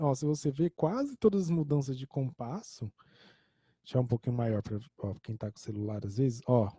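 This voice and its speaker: With a Brazilian Portuguese accent, a man gives an online music theory lesson, walking through a score step by step and singing short examples. His mid-range voice has a dark tone, and the recording is dry.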